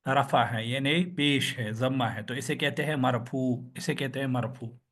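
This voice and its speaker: A man's voice: mid-range voice, fairly even intonation, fairly bright tone. A man teaching an online Arabic grammar lesson, patiently drilling word endings and asking the class questions he answers himself. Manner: slow, patient, repeats and drills words.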